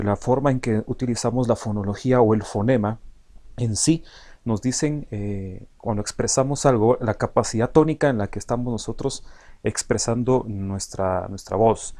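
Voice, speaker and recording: A man's voice: fairly low pitch, darkish tone. A male teacher giving a recorded online lecture, explaining step by step with frequent hesitant fillers and speaking directly to his students.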